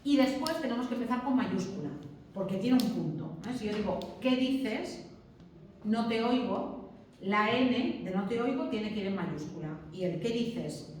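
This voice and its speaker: A woman's voice: fairly high pitch, lively intonation, measured pace, darkish tone, distant mic. A woman from teaching a classroom lesson on punctuation, explaining patiently and often checking in with tag questions. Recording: very echoey room, voice from afar, faint background noise.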